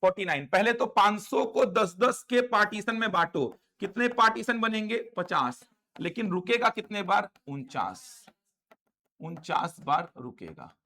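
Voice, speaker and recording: A man's voice: sits high, lively intonation, unhurried, bright, forceful tone. A man teaching a maths class in a classroom, asking students questions and repeating each step, with a Chhattisgarhi Hindi accent. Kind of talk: classroom lecture.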